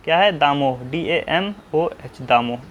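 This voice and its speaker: A man's voice: fairly high pitch, expressive, measured pace, a little hiss or hum. A man teaching how to draw a map. He keeps asking himself short questions and answering them, and he spells names out letter by letter. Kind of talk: map-drawing tutorial.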